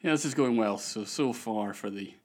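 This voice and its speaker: A man's voice: fairly low pitch, moderate pace, darkish tone. A man with a Scottish accent hosting a casual sports podcast, chatty and self-mocking, laughing often as he talks. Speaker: podcast host. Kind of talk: casual chat.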